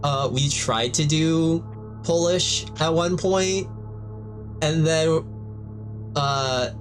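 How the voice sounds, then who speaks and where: A man's voice: a little high, very slow, faint music behind. A man playing a tabletop game, hesitant, sighing and trailing off mid-thought. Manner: hesitant, fumbling, sighs and trails off. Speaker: player. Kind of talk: tabletop role-play chat.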